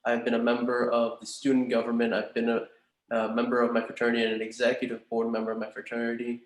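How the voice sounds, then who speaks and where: A man's voice: medium pitch, completely flat delivery, fast talker. A man in his twenties giving polite, earnest, somewhat hesitant interview-style talk, with the big echo of a large room in a house. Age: 20s. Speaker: student in a practice job interview. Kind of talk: earnest, formal interview answers.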